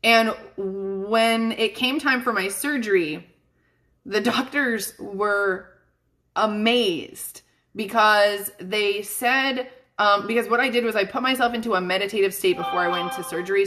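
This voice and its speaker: A woman's voice: medium pitch, normal speed, fairly bright tone. A woman, a psychic medium chatting emphatically to viewers in a live stream. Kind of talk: casual live-stream talk.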